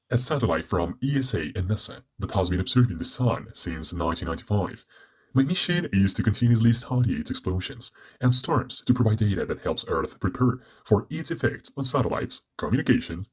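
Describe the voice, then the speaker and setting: Over soft music, a man with a husky, low-leaning voice plays a cheerful, chatty robot satellite, giving it a robotic, sparkling and exaggerated sound. He explains things in a theatrical, lively, drawn-out manner.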